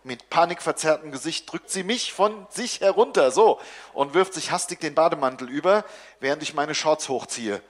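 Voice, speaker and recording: Brief: a man with a fairly high voice, deadpan comic story reader. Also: moderate pace. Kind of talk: comic first-person story reading.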